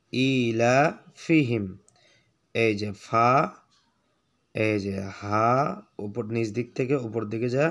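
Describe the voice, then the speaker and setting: A man teaching Arabic handwriting step by step. He names each letter as he writes and slows right down to chant the finished words. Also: mid-range voice. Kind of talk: step-by-step writing lesson.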